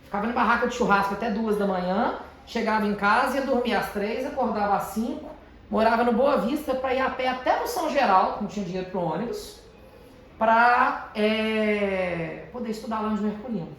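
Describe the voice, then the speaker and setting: This high-pitched Brazilian man from Minas Gerais, in his 30s, is a motivational speaker addressing teenagers. He keeps his delivery deliberately calm, slow and soft. The recording was made in a large house of prayer with heavy echo and faint background noise.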